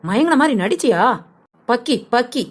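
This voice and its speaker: A woman voicing a fussy, excitable village woman in a cartoon who exclaims and complains. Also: on the high side, normal speed. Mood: fretful. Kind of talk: cartoon voice acting.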